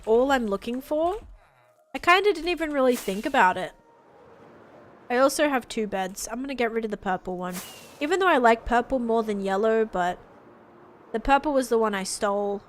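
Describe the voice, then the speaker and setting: A young woman with a fairly high-pitched voice plays a game on a live stream. She keeps things casual, responds to her chat and gets excited over her finds.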